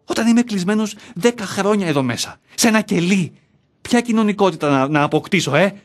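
Brief: male actor as a middle-aged, self-loathing bank clerk in a stage monologue, muttering and quarrelling with himself, pitch swinging widely. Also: expressive. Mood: bitter self-quarrel. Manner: talks aloud to himself, argues with his own self. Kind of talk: theatrical monologue.

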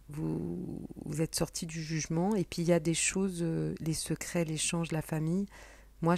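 Low-voiced chatty woman reading cards. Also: gravelly, mellow, no echo. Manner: chatty, meandering, drops into whispers. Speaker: tarot card reader. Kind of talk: casual spoken card reading.

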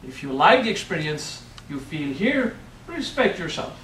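Very animated yet measured in pace, this middle-aged Frenchman speaks in a fairly high, fairly bright voice during a playful spiritual workshop, often asking "okay?". It's recorded from afar by a camera in an echoey hotel meeting room, with slight background noise.

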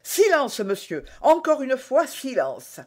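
A man's voice: extremely high pitch, wildly swooping pitch, slow pace, voice pushed up, heavily acted. A man with a French accent voicing an anxious, secretive young woman in an audiobook, pleading and urgent. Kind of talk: audiobook reading.

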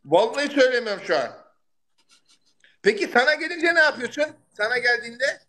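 A man hosting a casual live stream, loud and excitable, shouting thanks for gifts and swearing casually. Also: very high-pitched, fairly quick. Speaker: livestream host.

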